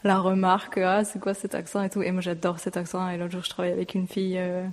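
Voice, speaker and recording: A woman musician with a Gers accent from southwest France, answering interview questions in a halting, hesitant way. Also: lowish voice, completely flat delivery, in a large hall. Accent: southern French, Gers. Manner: hesitant, halting, many fillers.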